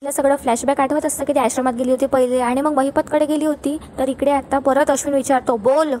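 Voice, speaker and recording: High-voiced woman recapping a TV serial. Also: flat delivery, a little mellow, slight background noise. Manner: brisk retelling, sprinkles English words. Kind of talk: casual story recap.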